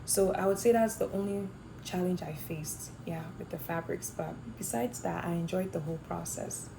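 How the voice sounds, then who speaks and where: A woman's voice: lowish voice, moderate pace, vocal fry, background noise. A young woman from Ghana, a fashion design student, answering interview questions thoughtfully with some fillers and restarts. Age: young adult.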